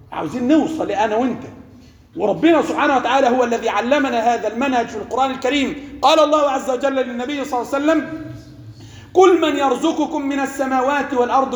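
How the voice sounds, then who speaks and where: Egyptian sheikh teaching, very high voice, echoey hall with long reverb. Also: male voice. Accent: Egyptian Arabic. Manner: rhetorical questions to listeners, mixes formal and colloquial. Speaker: sheikh and preacher. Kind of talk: religious lesson.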